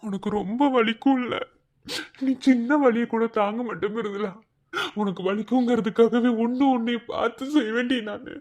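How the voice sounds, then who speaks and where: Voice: mid-range voice, fairly even intonation, moderate pace, darkish tone, natural voice. A voice actor playing a frightened young husband who anxiously begs his wife to avoid pain. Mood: pleading. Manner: pleading, anxious, tearful. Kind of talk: cartoon voice acting.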